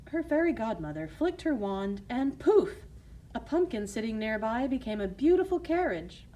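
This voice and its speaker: A woman's voice: a little high, big pitch swings, moderate pace, dark tone. A woman narrating a fairy tale in a storytelling style for listeners.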